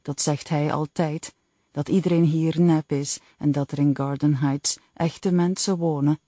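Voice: mid-range voice, steady tone, a little slow, mellow, no echo, studio quality, natural voice. A woman reading the lines of a blunt young boy in an audiobook.

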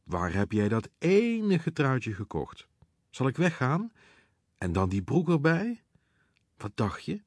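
A man's voice: mid-range voice, wildly swooping pitch, slow, long pauses, no echo, clean studio sound, voice pushed up, exaggerated voice. A man voicing a flamboyant, mocking drag queen in an audiobook, with a sing-song, teasing delivery. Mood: camp teasing. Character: camp, mocking drag queen on a bar stage. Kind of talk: audiobook character voice.

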